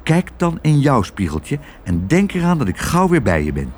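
Shy sailor dad, halting and gentle, just the reader's voice in a storybook. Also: male voice, medium pitch, huge pitch swings, a little hiss or hum, voice pushed up. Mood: tender. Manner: hesitant, halting. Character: kind shy sailor father. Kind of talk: storybook reading.

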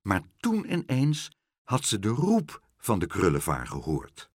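A man reads a children's story aloud in a low, husky voice, taking his time. His reading swings widely in pitch, and the close, dry recording has no room echo. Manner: slow, expressive reading.

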